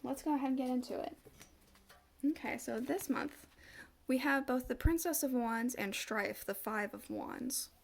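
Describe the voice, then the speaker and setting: Her voice is high, creaky, and a little slow as she does a casual tarot reading to camera. She's a bit congested from a cold, coughs slightly, and thinks aloud while flipping the cards.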